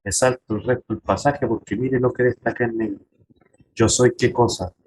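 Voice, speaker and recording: A man's voice: mid-range voice, steady tone, normal speed, a little mellow, slight background noise, rough recording. A man pastor teaching a Bible class to his congregation, emphatic, turning to them with direct questions. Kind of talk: church Bible lesson.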